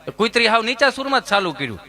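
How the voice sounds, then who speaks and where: A man's voice: very high-pitched, sing-song, rapid-fire, pushed and bright. A man, a stand-up comedian telling chatty stories on stage who keeps checking in with the crowd.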